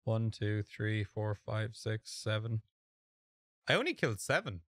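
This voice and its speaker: A young Irish man streaming a shooter game with a friend, excitable, swearing and laughing at himself. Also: fairly low pitch, a little slow, no echo. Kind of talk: gameplay commentary with a friend.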